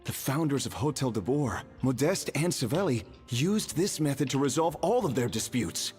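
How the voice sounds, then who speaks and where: An actor playing a male character who eagerly explains local history in a lively manner. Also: medium pitch, normal speed, long reverb tail, soft background music, lightly acted.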